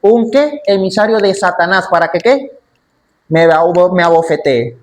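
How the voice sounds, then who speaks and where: A man's voice: high-pitched, animated, normal speed. A man teaching a church Bible class in an emphatic way, often repeating his key phrases.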